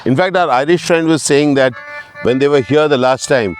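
A man's voice: medium pitch, moderate pace. A man with an Indian accent hosting a casual on-location interview, often chiming in with acknowledgements. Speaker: host, interviewer. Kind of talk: casual on-location interview, mixing Hindi and English. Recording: faint music behind. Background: music.

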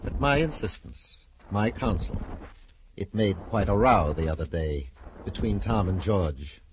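A man's voice: low voice, unhurried, slight background noise, rough recording. An actor playing a smug, formal businessman in an old radio crime drama, speaking in a pompous, florid way. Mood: smug, lofty.

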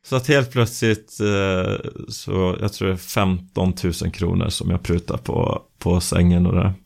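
A man co-hosting a casual podcast chat, telling an animated story and acting out the dialogue. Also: low-pitched, gravelly. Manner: animated storyteller, acts out dialogue, frequent restarts. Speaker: podcast co-host.

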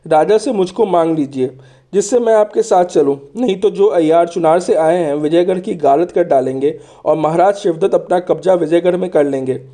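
Guy reading a clever polite spy in a storybook, high mellow voice, persuasive. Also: moderate pace, close to an everyday voice. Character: courteous, shrewd male spy, deferential strategist.

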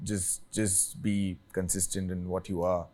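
A man with an Indian accent talks conversationally as an expert guest in an interview. His low, dark voice is flat and measured, and he speaks emphatically, repeating phrases and often adding a checking "right?".

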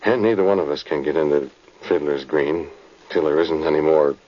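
An actor playing a weary, folksy American cavalry sergeant in a 1940s radio drama, telling his tale in plain rustic speech with a husky voice. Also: a bass voice, fairly even intonation, moderate pace. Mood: somber, rueful. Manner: plain rustic storytelling, ungrammatical. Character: folksy weary old frontier cavalry sergeant, a dead man. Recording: muffled vintage radio broadcast.

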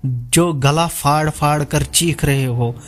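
A man's voice: a little high, takes it slowly, faint music behind. A man voicing a scheming young woman villain who talks in a sneering, taunting way. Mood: smug scheming.

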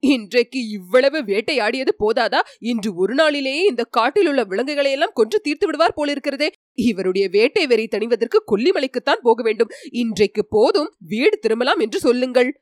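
A woman voicing a fearful young nobleman in a spoken storybook reading, with shrill, panicky warnings. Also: lively intonation, brisk, no echo, clean studio sound, lightly acted. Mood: complaining.

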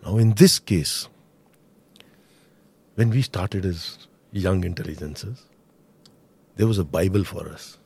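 A man's voice: low voice, slow pace, gravelly, pauses often, a little mellow, breathy edge. A middle-aged man with an Indian accent explains intelligence matters as a guest expert, mixing Hindi and English as he goes. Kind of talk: explanatory interview analysis.

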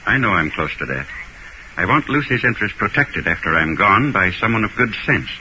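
An actor playing an older, genteel millionaire, formal and theatrical in an old radio mystery, fretful yet matter-of-fact. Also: male voice, lowish voice, animated, a little fast, sharp tone. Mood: earnest, practical. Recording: faintly noisy old radio recording.

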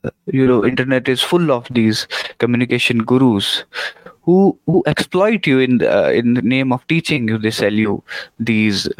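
A man's voice: medium pitch, animated, moderate pace, dry recording, poor audio. Earnest teenage male podcast host. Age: teens. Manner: earnest, many fillers like "you know" and "uh". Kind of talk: casual interview conversation.

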